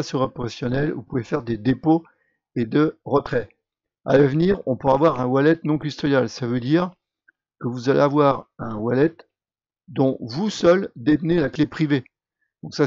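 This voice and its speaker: A man's voice: mid-range voice, a little mellow, no echo. A man presenting and explaining a product in a conversational walkthrough, with frequent hesitations and filler sounds. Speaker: video creator presenting a crypto product. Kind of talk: explanatory screen-share walkthrough. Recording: dull, slightly lo-fi dry sound.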